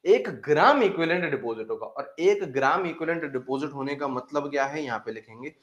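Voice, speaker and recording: A man's voice: on the high side, expressive, a little fast, fairly bright tone, muffled recording. A man teaching a chemistry class online, calling the students "beta" and repeating each phrase to drive it home. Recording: echoey room.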